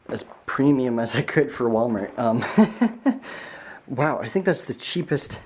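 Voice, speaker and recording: Young male vlogger, easygoing and jokey, average pitch, camera mic with light noise. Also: darkish tone. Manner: chatty and joking, laughs often. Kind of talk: casual vlog chat. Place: home kitchen and a store.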